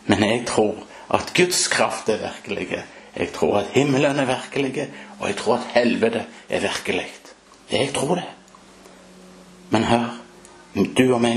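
A man's voice: medium pitch, vocal fry, slight background noise. A man preaching a fervent sermon, with emphatic rises and exclamations. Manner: fervent, rising to emphatic peaks. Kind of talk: Pentecostal-style sermon.

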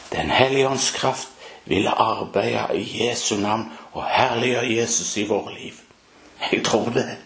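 A man's voice: medium pitch, gravelly, a bit bright. A man preaching a fervent sermon, with emphatic rises and exclamations. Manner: fervent, rising to emphatic peaks. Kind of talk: Pentecostal-style sermon.

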